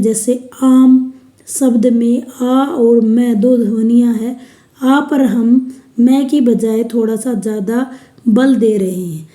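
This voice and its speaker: Woman, teacher, slow deliberate lecture, dark mellow voice, echoey room. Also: on the high side. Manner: slow, explanatory, spells out sounds one by one. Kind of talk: Hindi linguistics lecture.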